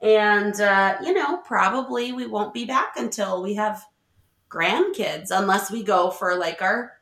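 A woman's voice: medium pitch, unhurried. A middle-aged woman chatting casually as a podcast co-host, telling stories and laughing often. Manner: animated storyteller, laughs often, acts out quotes. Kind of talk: casual chat. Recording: roomy echo.

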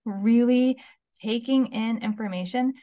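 A woman's voice: on the high side, a little slow, lo-fi sound. A woman in her thirties co-hosting a talk podcast, giving casual advice in a chatty way, often checking in with "okay?" and "right?". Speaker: podcast co-host.

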